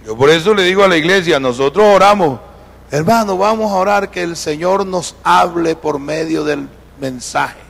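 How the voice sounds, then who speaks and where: A man's voice: a little high, moderate pace, vocal fry, fairly bright tone. A man preaching a sermon as pastor, telling a story and acting out the people in it. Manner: storytelling, acting out quoted voices. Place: church.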